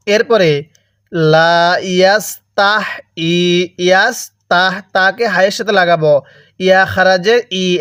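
A man with a Bangladeshi Bengali accent teaching Quran recitation step by step. He explains each rule, asks and answers his own questions, and draws out the Arabic words slowly to demonstrate them. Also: high-pitched, dry recording, lo-fi sound. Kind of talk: step-by-step spoken lesson with recited examples.

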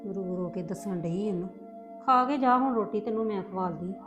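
Woman doing a strict mother-in-law, sharp and scolding, highish voice, soft music. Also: fairly quick, natural voice.

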